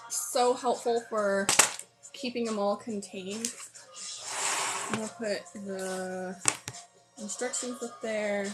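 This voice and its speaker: A woman's voice: mid-range voice, rough recording. A woman with a tired voice chatting casually as she hosts a live building stream, thinking aloud and making fun of her own mistakes. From New Mexico. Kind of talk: casual chat while building. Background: loud music.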